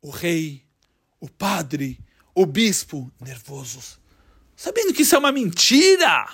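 A high-voiced man narrates a children's story with animated delivery. He lingers on dramatic pauses and keeps his listeners hooked. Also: husky.

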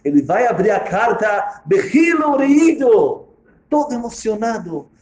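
A man tells a sermon story in a fairly high voice that rises and falls with lots of life. He is dramatic and animated, and he sounds echoey, as if in a reverberant room. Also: a little slow. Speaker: religious teacher.

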